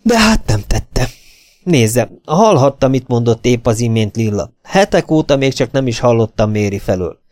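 A man's voice: medium pitch, expressive, darkish tone, no room sound, clean studio sound, pitched above the performer's own voice, natural voice. A man voicing a cautious, defensive young man who protests his innocence.

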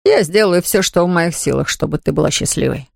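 A woman's voice: sits low, animated, a little fast, creaky, no room sound, studio quality, exaggerated voice. A woman voicing an ardent, confident young man who reassures his fiancée earnestly. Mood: tender.

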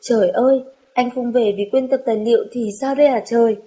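A woman voicing a frantic young husband, mellow and lo-fi. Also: on the high side, fairly even intonation, quick pace, natural voice. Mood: pleading. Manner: frantic, pleading cries. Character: distraught young husband pleading with his wife. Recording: dull lo-fi recording.

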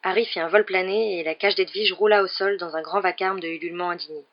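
Steady audiobook narration, mid pitch, dull muffled sound. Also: quick pace. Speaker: audiobook reader. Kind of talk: scripted novel narration.

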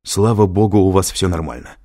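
A man's voice: deep voice, fairly quick, mellow. A man reading an audiobook, voicing an anxious male professor who speaks tensely and urgently. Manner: tense and pleading.

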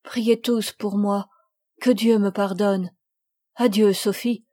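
A woman voicing a dying, remorseful older woman who speaks in broken, halting phrases. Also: mid-range voice, steady tone, warm tone. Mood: faltering.

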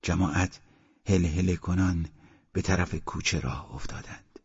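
A man reading a literary story aloud in a calm, measured way, in a dull lo-fi audiobook recording. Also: low-pitched, noisy background. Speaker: audiobook narrator. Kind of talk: scripted literary narration.

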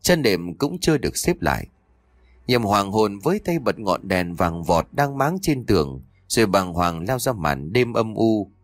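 A man narrating a dramatic audio story in a scripted, expressive reading on a close mic. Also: on the low side, unhurried, no room sound.

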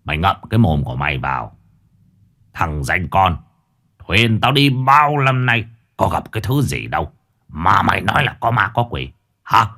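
A man's voice: low voice, sing-song, moderate pace, vocal fry, long pauses, bright, forceful tone, heavily acted. A man doing a harsh old boat owner. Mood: harsh scolding. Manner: harsh, scolding. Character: older male boat owner, harsh, domineering.

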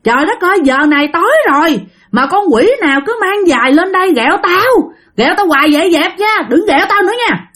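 A woman storyteller voicing an irritable married aunt who scolds in shrill, raised shouts. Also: very animated, fairly quick. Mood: scolding.

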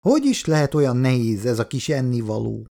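A man reading aloud and voicing a brisk, bustling older working-class housewife who talks in a quick, chatty way. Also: medium pitch, very animated, creaky, dark tone.

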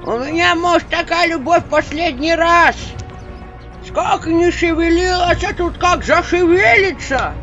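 A woman's voice: very high voice, a little slow, voice pushed up. A woman doing a bellowing lovesick old grandpa. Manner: hollering, yelling. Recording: dull lo-fi audio with faint music.

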